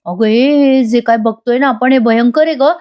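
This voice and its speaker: A woman's voice: on the high side, normal speed, highs cut off, close to an everyday voice. A woman voicing a scheming middle-aged aunt who exclaims melodramatically. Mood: dramatic.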